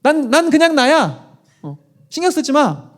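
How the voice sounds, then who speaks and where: A man voicing a dismissive young woman in a sermon anecdote, pitched far above his own voice and drawn out slowly. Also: sing-song, exaggerated voice. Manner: breezy, shrugging off.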